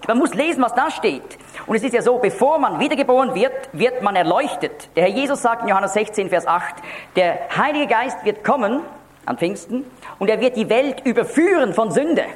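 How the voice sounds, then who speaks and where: A man preaching a Bible teaching, explaining step by step and stressing key words, sometimes restarting and repeating words. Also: high voice.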